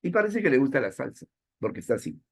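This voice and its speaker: A male teacher lectures his class in a playful, self-mocking way. His voice sits at an ordinary middle pitch, and he keeps stopping to check that the students are following. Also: very animated, fast, creaky, husky.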